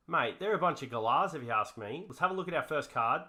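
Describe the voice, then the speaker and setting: A man's voice: a little high, lively intonation, fast talker, bright, forceful tone. A man co-hosting a comedic card review, talking in a put-on broad Australian accent and joking with heavy slang. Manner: jokey, heavy Aussie slang. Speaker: co-host.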